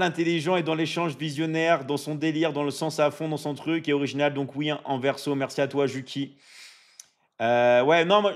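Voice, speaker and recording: A man, likely in his thirties, hosting a casual livestream, chatting with viewers and repeating himself with lots of fillers. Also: mid-range voice. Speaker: livestream host. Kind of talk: casual live-stream chat reading viewer comments.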